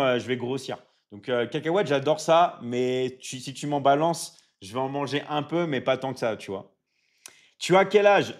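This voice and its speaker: Guy chatting on a live stream, kinda high voice, repeats stuff a lot, says "d'accord?" all the time. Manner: chatty, repeats himself, many fillers and "d'accord?". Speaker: livestream host. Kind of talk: casual live-stream chat reading viewer comments.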